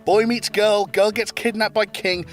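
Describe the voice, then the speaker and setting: A man's voice: high-pitched, fairly even intonation, unhurried, fairly bright tone, faint music behind. A man co-hosting a gaming video, reading a script with sarcastic, sweary asides. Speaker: co-host. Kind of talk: scripted banter with co-hosts.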